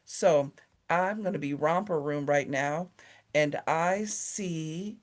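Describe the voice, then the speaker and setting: A woman hosting an online community meeting, upbeat and joking, reading out a phone number slowly and clearly. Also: deep voice.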